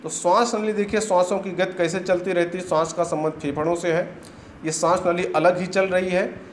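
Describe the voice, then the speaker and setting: A man giving a grammar lesson, explaining a diagram slowly and patiently, repeating each term one at a time. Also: high voice, fairly even intonation. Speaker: teacher. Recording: echoey room with faint hiss.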